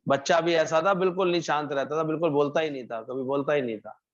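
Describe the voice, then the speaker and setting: The satsang preacher's voice runs on the high side and he talks quickly as he recounts a parable in his devotional sermon. He performs the characters' dialogue and repeats phrases for emphasis, all in a muffled lo-fi recording.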